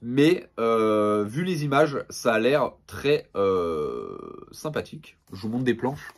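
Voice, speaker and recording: Un homme au débit décontracté, avec un français, qui présente sa collection de mangas face caméra avec enthousiasme, en hésitant souvent par des « euh ». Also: male voice, mid-range voice, big pitch swings, slow pace. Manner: enthusiastic, many fillers and restarts. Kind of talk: casual product showcase vlog.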